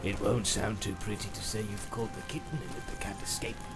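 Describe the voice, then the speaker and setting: A man voicing a crafty, sneering male orc captain with a rough, jeering voice. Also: lowish voice, level tone, a little fast, over loud music, pitched below the performer's own voice, close to an everyday voice.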